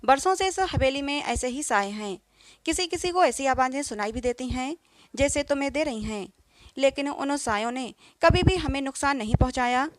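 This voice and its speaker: This is a soft-spoken young husband in a spoken storybook who coaxes and soothes but never quite meets your eye, as a woman narrator puts him on. The voice sits high and close, with a dry sound and no room around it. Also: normal speed, no echo, lightly acted. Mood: coaxing. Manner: soft, coaxing.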